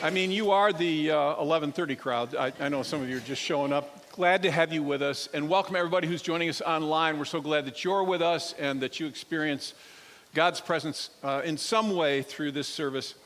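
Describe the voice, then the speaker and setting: Male pastor, sermon, storytelling, slightly high voice, long church reverb. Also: fairly quick, slight background noise. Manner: storytelling, animated, addresses the crowd directly. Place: church sanctuary.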